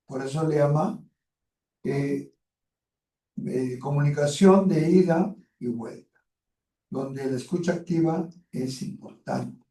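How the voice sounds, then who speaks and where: A man's voice: fairly high pitch, slow pace, pauses often, mellow. A male teacher giving a classroom lecture, explaining step by step with frequent hesitant fillers. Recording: roomy echo, far from the mic.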